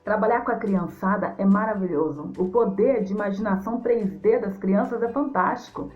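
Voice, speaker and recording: A woman's voice: mid-range voice, normal speed. Brazilian female storyteller, effusive interview guest for kids; slightly dull audio, faint music bed. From Mato Grosso do Sul, Brazil. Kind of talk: interview answers for a young audience.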